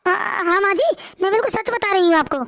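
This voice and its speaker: A woman's voice: very high-pitched, fast talker, a bit bright, dry recording, clean studio sound. A woman voicing a timid young daughter-in-law who stammers and hesitates. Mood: anxious.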